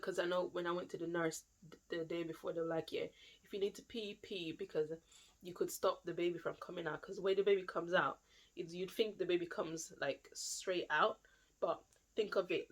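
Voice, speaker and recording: A woman's voice: fairly low pitch, steady tone, brisk. A young woman from London with a London accent, telling a personal story to camera in a chatty, rambling way full of fillers. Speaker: vlogger.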